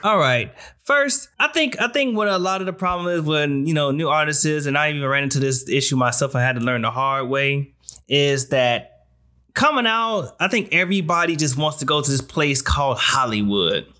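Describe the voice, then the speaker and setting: High, bright-voiced man chatting casually. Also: animated, moderate pace. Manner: informal slangy talk, often addressing listener with "you know". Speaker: online show host. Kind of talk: casual chatty advice to viewers.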